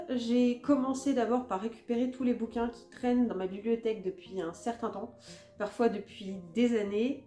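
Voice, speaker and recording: A woman chatting casually as a book vlogger about her reading list, talking in a relaxed, self-mocking way with plenty of fillers. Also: on the high side, roomy sound.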